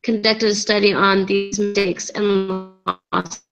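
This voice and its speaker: A woman's voice: medium pitch, little pitch movement, slow, fairly bright tone, faint music behind, low-quality recording. A woman student in a group study video call, reading a task aloud while her call audio glitches and breaks up. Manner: reads task text aloud, then talks it through. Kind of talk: casual chat over a video call.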